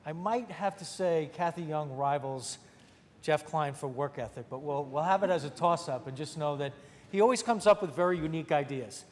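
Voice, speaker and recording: A man, a state senate majority leader, giving opening remarks on the chamber floor, chatty and slipping in wry joking asides. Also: a little high. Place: large legislative chamber, indoors. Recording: long reverb of a large chamber.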